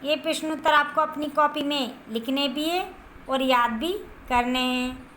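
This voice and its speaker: A woman teacher giving a grammar lesson to first graders, repeating each word and answer slowly so they can write it down. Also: high-pitched, a bit bright, a little hiss or hum.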